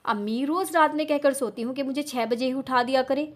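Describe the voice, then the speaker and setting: Woman doing a young daughter, polite but complaining, high voice. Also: brisk, natural voice.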